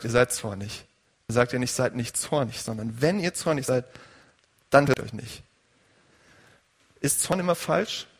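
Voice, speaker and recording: A man's voice: mid-range voice, in a large hall. A male pastor preaching a conversational sermon and putting questions to his congregation.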